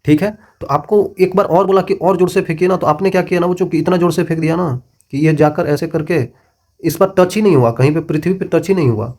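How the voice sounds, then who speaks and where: A man's voice: fairly high pitch, quick pace, darkish tone. A middle-aged man teaching a physics lesson, explaining with repeated checks and everyday examples. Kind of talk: classroom lecture.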